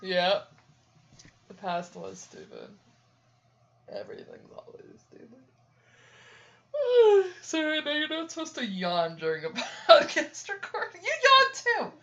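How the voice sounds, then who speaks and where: A woman's voice: a little high, very animated, unhurried, sharp tone. A young woman co-hosting a casual podcast, giggling and laughing often, on dull lo-fi audio. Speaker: podcast co-host. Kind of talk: casual chat.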